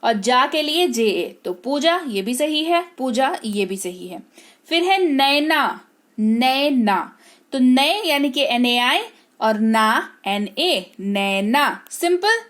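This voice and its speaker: A woman teaching English spelling, speaking patiently, repeating words slowly and checking that her students follow. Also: high voice, expressive, a bit bright. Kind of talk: explaining spelling to learners.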